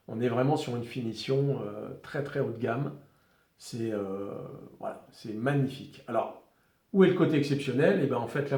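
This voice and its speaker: A French-accented man talks through a collector's revolver in a relaxed, stop-and-start way, filling pauses and restarting phrases. His voice is mellow and dark. It is recorded in a room with clear echo. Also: mid-range voice. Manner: hesitant, many fillers and restarts. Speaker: firearms collector presenting a revolver. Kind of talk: casual video presentation.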